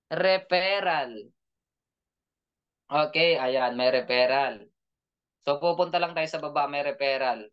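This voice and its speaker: A man coaches an online training session, joking, laughing often and repeatedly asking questions to keep his listeners engaged. His voice is smooth and fairly high-pitched. The audio is dull and lo-fi.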